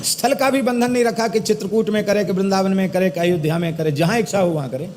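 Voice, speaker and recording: A middle-aged man delivers a religious discourse in a somewhat high voice. He chants verses slowly and then explains them with animated emphasis. The sound carries a long hall echo over a faint background noise. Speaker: spiritual teacher giving a discourse.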